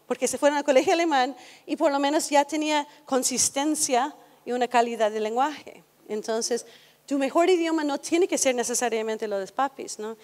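A high-pitched woman lectures in a relaxed, conversational way and keeps turning questions back to her audience. Her voice carries a long reverb, as if recorded in a large hall. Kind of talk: educational talk to an audience.

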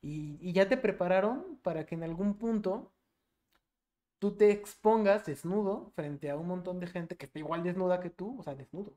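A young man with a Mexican Spanish accent, a podcast co-host in casual chat, telling a story with lively, swear-filled animation. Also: sits high, moderate pace.

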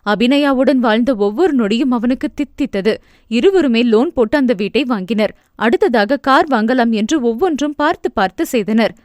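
A woman reading an audio novel aloud as its narrator, in steady storytelling narration. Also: a little high, no room sound, clean studio sound. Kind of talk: scripted narration.

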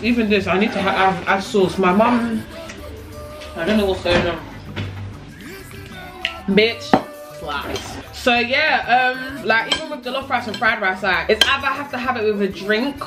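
A young woman with a London accent chatting casually in a vlog, slangy and swearing freely. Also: medium pitch. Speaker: vlogger. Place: home kitchen.

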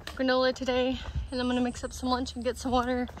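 A woman hiker talking casually to her phone camera as she walks a forest trail, thinking aloud in a relaxed way. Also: high voice, fast, a little hiss or hum, low-quality recording. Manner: relaxed, chatty, thinking aloud while walking. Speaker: long-distance hiker vlogging. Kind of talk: casual spoken trail diary.

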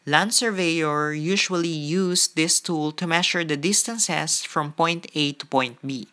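A woman's voice: deep voice, unhurried, a bit bright. A woman hosting a gardening vlog, narrating outdoors on a farm lot in a friendly, explanatory way. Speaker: gardening vlogger.

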